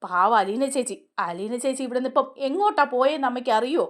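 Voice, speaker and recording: A woman reads out a young daughter, loyal and sharp-tongued. She speaks fast and high, pressing each pointed question home. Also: animated. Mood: reproachful. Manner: reproachful, pointed.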